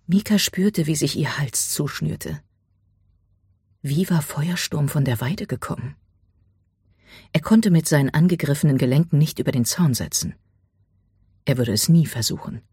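An audiobook narrator reading a dramatic story, dropping to a hush at tense moments. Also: mid-range voice, lively intonation, normal speed, long pauses, breathy edge, no room sound, studio quality.

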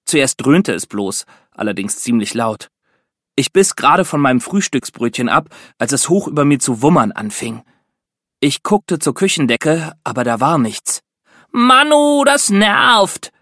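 Lively male audiobook narrator. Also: medium pitch, normal speed, no echo, clean studio sound. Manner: lively, expressive storytelling. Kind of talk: scripted narration of a children's book.

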